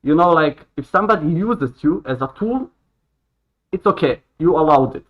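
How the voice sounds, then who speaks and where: A man in his late twenties from Croatia, a podcast guest, talking earnestly in a halting way with many restarts. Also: on the high side, lively intonation. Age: 20s. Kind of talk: casual conversation. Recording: dull lo-fi sound.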